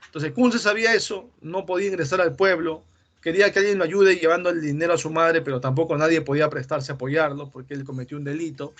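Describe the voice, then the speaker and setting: A man's voice: a little high, steady tone, fast, fairly bright tone. A man with a Peruvian accent, a literature teacher retelling a story to his online class and voicing its characters' lines as he goes. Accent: Peruvian Spanish. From Peru. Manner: acts out characters' lines, checks in with students.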